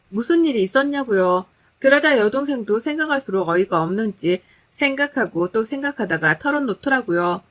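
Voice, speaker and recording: Indignant woman narrating a story. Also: a little high. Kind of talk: first-person story narration.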